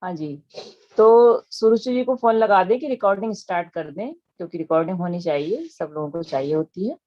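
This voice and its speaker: Woman slowly teaching a chanted hymn. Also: fairly low pitch, animated, warm tone, muffled recording. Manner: patient, explanatory, chants verses slowly. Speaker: teacher of a devotional verse class. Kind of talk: online class explaining a Sanskrit hymn.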